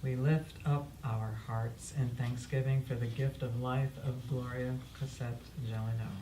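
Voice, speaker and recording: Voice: medium pitch, steady tone, a little slow, mellow. Solemn memorial officiant in an echoey room. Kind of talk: solemn memorial closing words and prayer. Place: echoey indoor memorial service space. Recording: distant mic in echoey room, faint noise.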